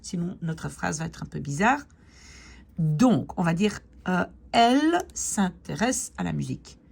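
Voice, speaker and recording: Woman, language teacher, low husky voice, unhurried, checks in with students, encouraging. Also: very animated, a little mellow. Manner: explains step by step, often checks with "d'accord?" and "ok?"; slows down to spell out Dutch words. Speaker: Dutch teacher. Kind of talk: online grammar lesson.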